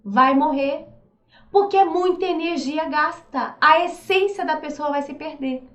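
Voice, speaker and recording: A Brazilian woman with a high voice explains things casually in a room with a lot of echo. She jumps into quick little put-on voices for the people she quotes. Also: a bit bright. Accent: Brazilian Portuguese. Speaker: behavioral profile coach. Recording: echoey room.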